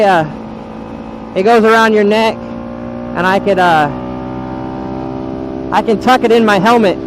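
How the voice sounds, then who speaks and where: An American man rambling casually to viewers from inside a motorcycle helmet as he rides and vlogs. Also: sits high. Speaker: motovlogger. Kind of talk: casual rambling vlog while riding a motorcycle. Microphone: helmet microphone. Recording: loud engine and wind noise, helmet mic.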